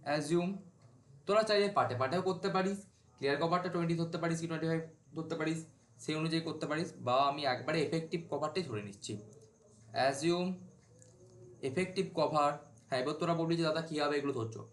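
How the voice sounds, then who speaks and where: Guy teaching a lecture, slightly higher voice, keeps asking himself questions then answering, roomy echo. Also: quick pace. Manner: informal, asks and answers his own questions. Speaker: civil engineering teacher. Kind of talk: whiteboard lecture.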